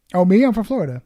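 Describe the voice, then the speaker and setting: Born in New York and raised in Puerto Rico, a man hosts a casual guitar livestream, reading comments, greeting viewers by name in a loose, chatty way, and swearing now and then. His voice is high-pitched, and the recording is dry and muffled.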